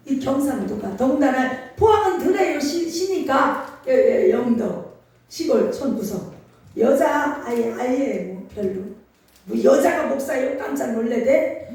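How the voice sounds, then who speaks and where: A middle-aged woman pastor with a Chungcheong Korean accent preaches in a lively, emphatic way, calling for answers from the congregation. Her high voice comes from a distance across a very echoey church hall. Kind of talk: sermon. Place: church sanctuary.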